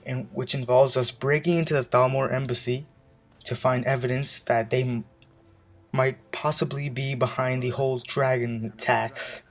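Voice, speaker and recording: A young man narrating a video game in a loose, chatty way, a little out of breath and tired. He corrects himself often and fills gaps with "uh" and "um". His voice sits at a middle pitch, with soft music underneath. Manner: rambling, self-correcting, with many fillers. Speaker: gameplay commentator. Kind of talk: casual gameplay commentary.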